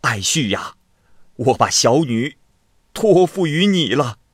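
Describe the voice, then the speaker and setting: A man voicing an old king who laments slowly through tears. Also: medium pitch, big pitch swings, slightly rough, no room sound, studio quality, pitched above the performer's own voice, heavily acted. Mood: lamenting. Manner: slow, sobbing lament. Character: tearful old king, weak and despairing.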